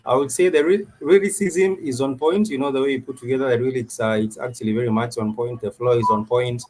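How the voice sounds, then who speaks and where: Male interview host, Kenyan accent, medium pitch, halting and wordy live questioning. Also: fairly even intonation, noisy background. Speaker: radio show host, interviewer.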